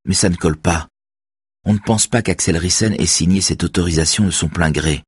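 A man's voice: low-pitched, a little fast, slightly rough, voice pushed up. A man voicing an indignant female police officer who argues heatedly. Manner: heated, pressing.

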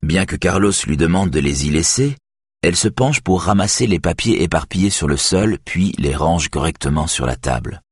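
A man reading an audiobook in scripted narration, even and measured. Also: low-pitched, breathy edge, no room sound, clean studio sound.

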